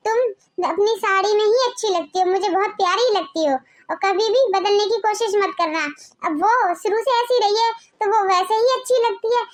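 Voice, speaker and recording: A put-upon husband in a homemade family skit, forever lecturing and soothing his two wives, played in a strikingly high, thin voice. He talks in a coaxing, preachy way. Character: adult husband torn between two wives, placating. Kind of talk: amateur family skit acting.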